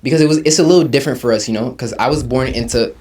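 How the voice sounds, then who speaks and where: A Ugandan rapper in his twenties talks casually as an interview guest, his mid-range voice racing along. He's relaxed and slangy, dropping "you feel me" again and again.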